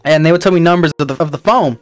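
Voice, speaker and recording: A young man hosts a casual chat with friends, his voice sitting a little high. He rambles, restarts his sentences and swears freely as he tells stories about work. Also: racing, dry recording, soft background music. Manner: rambling, profane, restarts often. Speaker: podcast host.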